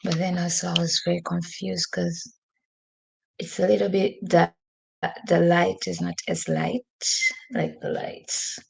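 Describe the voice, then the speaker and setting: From a window-side desk in the home she just moved into, a woman hosts a casual live stream with a husky, gravelly, low voice that barely shifts in pitch. She talks unhurriedly with long pauses, chatting, laughing a lot and mentioning her voice is going, over poor computer-mic audio.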